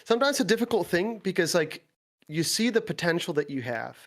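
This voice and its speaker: A young Dutch man, a gaming content creator guesting on a podcast, chats casually in English with an American-sounding Dutch accent, sounding reflective and hesitant. His voice is high, very animated and brisk.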